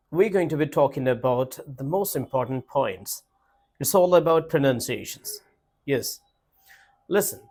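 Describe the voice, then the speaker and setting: A man's voice: a little high, a little mellow. A man teaching a lesson, emphatic and repetitive, asking the viewers rhetorical questions. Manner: emphatic, repeats points, asks rhetorical questions. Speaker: English teacher. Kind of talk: spoken English lesson to camera.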